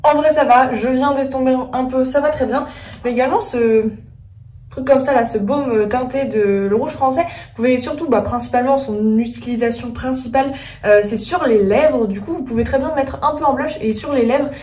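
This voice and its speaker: With a high-pitched, slightly mellow voice at normal speed, a woman chats through a laid-back makeup tutorial as a beauty vlogger. Her talk is full of hesitant "euh"s as she thinks aloud. The room echoes and the mic picks her up from a little distance.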